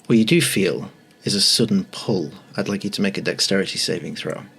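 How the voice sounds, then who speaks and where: A man narrating a tabletop game as game master in a measured, descriptive way. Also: low-pitched, creaky, a bit bright, husky.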